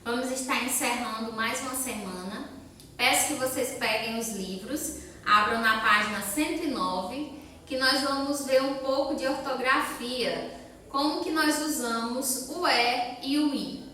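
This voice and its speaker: A woman's voice: high-pitched, a little slow, bright, forceful tone, very echoey, recorded from a distance. A woman teacher with a Brazilian accent, patiently explaining a lesson to children step by step and asking them questions. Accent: Brazilian Portuguese. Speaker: elementary school teacher. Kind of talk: recorded remote class lesson.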